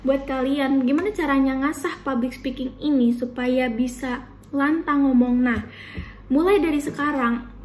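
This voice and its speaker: A woman's voice: high-pitched, a little mellow, a little hiss or hum. A young woman, a university student from Indonesia, giving casual spoken tips to viewers in an informal, chatty way with many fillers. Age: young adult.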